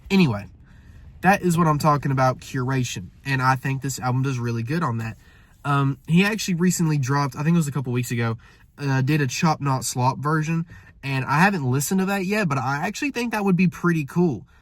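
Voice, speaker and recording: With a mid-range voice and a fairly quick delivery, a music reviewer chats casually about an album, rambling and revising himself mid-sentence. He sounds blocked up and nasal, as if a cold is on the way, and the recording is dry.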